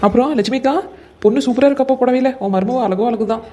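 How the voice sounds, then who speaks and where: A woman voicing an emotional young married woman and elder sister in a cartoon, talking in a rapid, chatty, affectionate way. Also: a little high, mellow, lightly acted. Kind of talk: animated cartoon voice acting.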